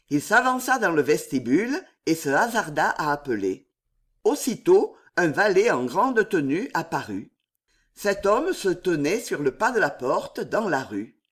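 A reader narrating a historical novel as an audiobook, in a measured, expressive way. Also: mid-range voice.

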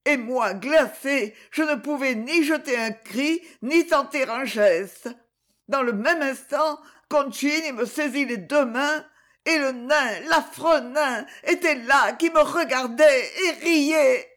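A woman's voice: sits high, slow pace, a bit bright, voice pushed up. A woman voicing a crazed, terrified middle-aged mother who speaks in a hollow, trembling voice. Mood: haunted dread.

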